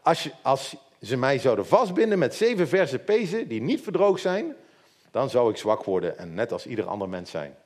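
A man's voice: mid-range voice, sing-song, moderate pace, darkish tone. A man voicing a boastful biblical strongman who lies playfully in an offhand, chuckling way. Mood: teasing.

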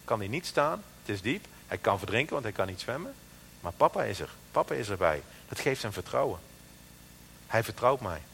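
Lively preaching man in a reverberant hall. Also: on the low side, gravelly, a little hiss or hum. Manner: lively, emphatic preaching with slow, stressed scripture quotes. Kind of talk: sermon.

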